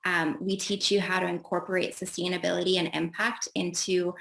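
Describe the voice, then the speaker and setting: A woman's voice: fairly low pitch, flat delivery, fairly quick, gravelly, fairly bright tone. A woman hosting an online panel, introducing speakers in an upbeat tone with frequent "um" fillers over a video call. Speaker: host and event organizer. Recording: echoey room.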